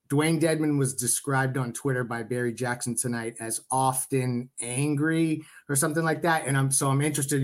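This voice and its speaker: Rambling male podcast host. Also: mid-range voice. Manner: rambling questions with many fillers. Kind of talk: casual sports podcast chat.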